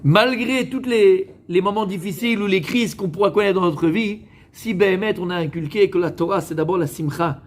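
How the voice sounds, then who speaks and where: French rabbi, high male voice, chatty joking sermon, addresses the crowd directly. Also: moderate pace, few pauses. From France. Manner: joking, conversational, talks straight to listeners; mixes in Hebrew religious words. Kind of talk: lively sermon to a live audience.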